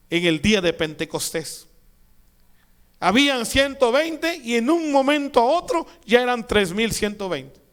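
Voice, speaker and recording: A man preaching a sermon as pastor, with emphatic rising peaks and quiet asides. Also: very high-pitched.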